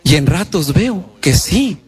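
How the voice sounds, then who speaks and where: Slow and sing-song, with a slightly rough edge to his notably high voice, a priest preaches his own testimony in simple, everyday, devout words, repeating phrases to drive points home.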